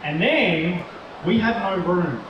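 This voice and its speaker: A man's voice: high-pitched, slow, muffled recording. A man telling stories in a chatty live talk as a toy company co-founder. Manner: chatty, conversational storytelling. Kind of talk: casual live presentation. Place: large indoor shopping mall expo. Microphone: distant mic on a live talk. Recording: echoey mall hall, distant mic, crowd noise.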